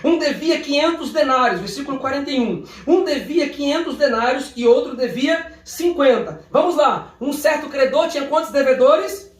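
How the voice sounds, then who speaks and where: Brazilian Portuguese-accented male pastor, very high voice, emphatic sermon, picked up from far off in a roomy hall. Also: expressive, moderate pace. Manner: emphatic, rises to shouts, asks the congregation questions. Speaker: pastor preaching. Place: church service. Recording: echoey church from far off.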